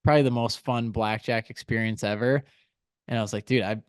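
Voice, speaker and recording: A podcast co-host telling a story in casual chat, animated and full of "like" and "dude.". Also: male voice, fairly low pitch, brisk, smooth, dry recording, studio quality.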